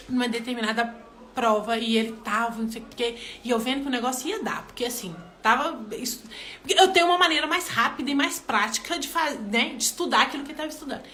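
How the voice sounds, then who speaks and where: A woman's voice: a little high, sharp tone. A middle-aged woman giving an informal devotional talk, chatty, often turning to her listeners. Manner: chatty, addresses listeners as "gente", frequent "né". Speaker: devotional speaker.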